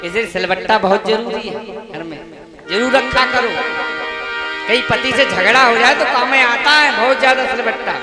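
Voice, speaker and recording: A man's voice: very high-pitched, normal speed. A man telling a devotional scripture story live, asking the audience questions and chanting verses in between. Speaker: Bhagavata storyteller. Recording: loud music under a live talk.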